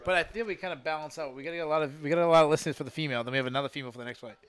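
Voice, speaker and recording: Playing up a hype-announcer delivery, this live podcast host fools around with mock announcements in a casual, joking mood. He talks at a racing pace in a fairly high, fairly bright voice.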